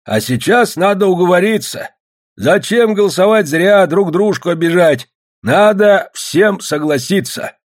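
A man's voice: high-pitched, lively intonation, measured pace, voice pushed up. A man reading an audiobook, voicing an earnest elderly man who urges everyone to agree. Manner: persuasive, speechmaking. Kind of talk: audiobook character voice.

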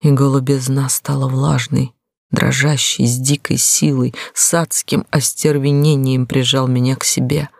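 Brief: intimate, emotional audiobook narrator with a gravelly, dry sound. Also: mid-range voice, little pitch movement, a little slow, a little mellow, no room sound. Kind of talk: first-person romance audiobook narration.

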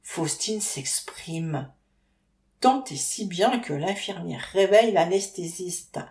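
A woman narrating an audiobook with wry, lively storytelling. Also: on the low side, takes it slowly. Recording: roomy echo.

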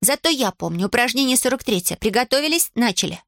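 A woman's voice: on the high side, lively intonation, fast talker, a bit bright, dry recording, clean studio sound, pitched above the performer's own voice. A woman voicing a strict, bossy schoolgirl who gives stern commands and threats in an audiobook. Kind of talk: audiobook character voice.

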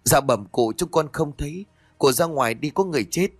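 A man's voice: a little high, lively intonation, a little fast, no room sound, pitched above the performer's own voice. A man voicing a frightened, humble servant who answers timidly and deferentially. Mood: scared.

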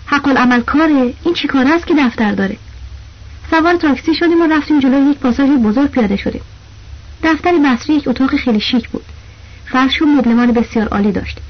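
Woman, audiobook narrator, high voice, steady storytelling, muffled lo-fi audio. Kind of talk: first-person novel narration. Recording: dull lo-fi audio.

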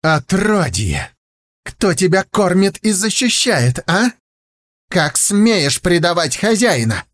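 A man's voice: high voice, big pitch swings, takes it slowly, fairly bright tone, voice pushed up, full character voice. A man voicing Humenzy, a roaring tiger spirit. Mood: furious. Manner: roaring, menacing. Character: volatile tiger spirit man, quick to fury.

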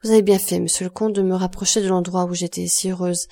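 A woman reads the part of a grieving thirty-nine-year-old broken by guilt, making sorrowful, self-accusing pleas. Her voice sits on the low side with fairly even intonation, a fast pace and a dark tone.

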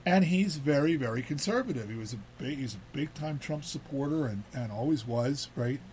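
A man's voice: mid-range voice, animated, a little fast, darkish tone, slight background noise. A man hosting a casual talk show, rambling and repeating words as he talks. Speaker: host.

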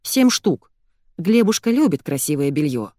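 A woman's voice: low voice, sing-song, moderate pace, warm tone, no echo, clean studio sound. A woman reading an audiobook, voicing a plump, self-pitying married woman who whines and complains. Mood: whining. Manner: whining, plaintive.

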